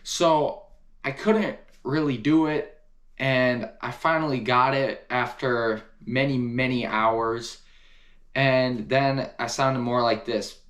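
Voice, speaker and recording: Casting: man, mid-pitched voice, casual hunting gear reviewer, enthusiastic, leans on repeated words for emphasis. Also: steady tone, slow pace, fairly bright tone. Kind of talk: casual product review to camera.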